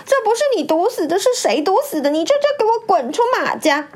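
A woman voicing a cruel, scheming first wife who flips between false sweetness and sharp scolding in a storybook tale. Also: mid-range voice, expressive, brisk, pitched below the performer's own voice, close to an everyday voice. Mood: shrill accusing. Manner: sly, scolding, two-faced. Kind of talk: storybook reading.

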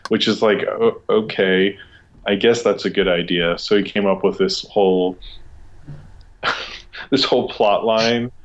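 A man's voice: fairly low pitch, fairly even intonation, a little slow, pauses often, lo-fi sound. A man co-hosting a podcast, chatting casually and jokingly about movies. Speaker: podcast co-host. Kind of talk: casual comic movie chat.

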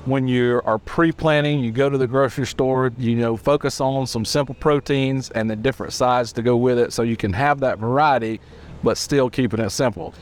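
A man's voice: medium pitch, moderate pace. Man, guest chiropractor, easygoing explainer, recorded outdoors on a patio. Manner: relaxed, explains food with enthusiasm. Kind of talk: casual chat.

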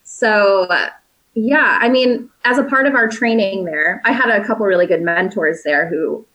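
A woman's voice: mid-range voice, normal speed, a bit bright, low-quality recording. A woman in her late twenties, originally from South Africa, chatting casually and upbeat as an interview guest, with lots of fillers and easy laughs.

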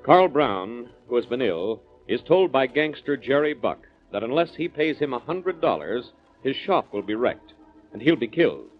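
Give me a measured male announcer on an old radio show. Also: medium pitch, big pitch swings, music in the background. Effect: old radio show broadcast. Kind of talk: scripted recap narration. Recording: dull lo-fi old radio recording.

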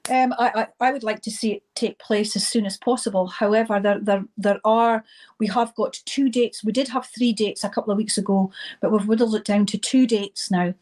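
A middle-aged or older woman with a Highland Scottish accent, speaking informally as an interview guest, often repeating words as she goes. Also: steady tone, darkish tone. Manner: halting, repeats words and phrases. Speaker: interview guest, event organiser.

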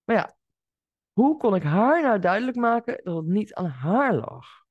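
Expressive woman podcast host, lively pitch. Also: unhurried, dry recording, highs cut off. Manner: expressive storyteller who speaks straight to the listener. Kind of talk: solo podcast monologue telling a client story.

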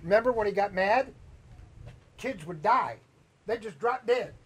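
Animated yet measured, a husky, high-pitched man from Chicago gives a sermon in the church sanctuary. As pastor, he speaks with his hometown accent, casually ribbing the congregation and posing questions to them.

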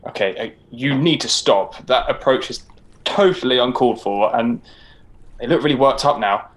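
A man's voice: medium pitch, moderate pace, close to an everyday voice. An actor playing an exasperated, sensible male adventurer who keeps scolding his companion. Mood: alarmed. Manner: flustered, scolding. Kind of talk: comedy audio drama.

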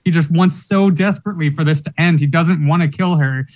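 A man with a somewhat high voice talks through a film in a relaxed conversational chat. He gets eager as he explains, piling up details one after another. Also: fairly quick. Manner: enthusiastic, detailed analysis. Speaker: podcast co-host. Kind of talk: casual film discussion.

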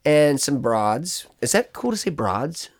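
A man's voice: a little high, takes it slowly, vocal fry. A man casually telling a long story on a podcast, rambling and cutting himself off with asides. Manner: rambling, self-interrupting, animated storytelling. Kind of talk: casual chat.

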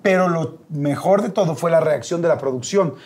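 Speaking at normal speed in a somewhat high voice, a man with a Mexican accent shares an anecdote as a guest in a casual chat. His storytelling is animated, and he acts out the quotes.

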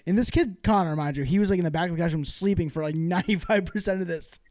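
A man with a Boston accent chatting casually on a podcast, his voice sitting high for a man. He tells stories with many restarts and frequent laughter. The sound is dry and close, with no room around it. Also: fast talker, a little mellow, no room sound. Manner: laughs often, storytelling with restarts. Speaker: podcast co-host. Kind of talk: casual chat.

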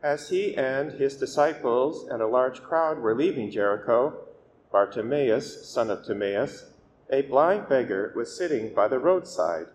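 A male priest reading the gospel and preaching a weekday homily at a steady, measured pace, his voice ringing with a long cathedral echo. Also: mid-range voice. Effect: long cathedral-style echo. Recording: echoey church hall with faint hiss.

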